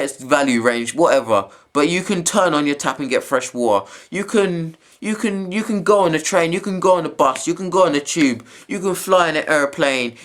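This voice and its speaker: A young man rants into his camera in a home video blog. His voice sits a little high for a man, and he piles up repeated phrases in quick bursts. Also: fairly bright tone. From England. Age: young adult. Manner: heated, repetitive, rapid-fire rant.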